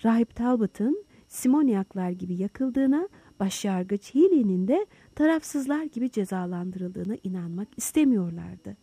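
A woman narrating an audiobook with expressive storytelling. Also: mid-range voice, unhurried, hardly any pauses, slightly rough, no room sound. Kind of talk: scripted narration.

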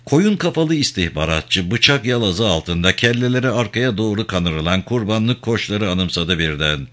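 A man narrating a novel in a measured, literary storytelling manner. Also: on the low side, lively intonation, a bit bright. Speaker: audiobook narrator.

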